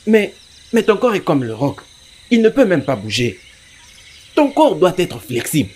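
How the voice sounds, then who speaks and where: A man's voice: on the high side, wildly swooping pitch, normal speed, a little mellow, breathy edge, full character voice. A strict, impatient dance teacher, scolding his clumsy pupil. His voice swings widely up and down as he berates. Everything is delivered in the style of a dubbed film. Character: strict short-tempered male dance teacher.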